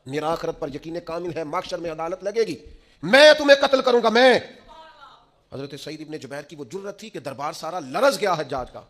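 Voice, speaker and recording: A Pakistani man with a high, bright-edged voice delivers a sermon. He moves between soft, intimate storytelling and bursts of passionate, raised exhortation. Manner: impassioned, swings between hushed storytelling and loud exhortation. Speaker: preacher.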